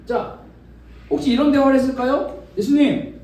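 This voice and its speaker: High-voiced man preaching to children. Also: animated, normal speed, dark tone. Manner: asks children questions, acts out imagined dialogue. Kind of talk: children's sermon. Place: church worship room. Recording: very echoey room, from a distance.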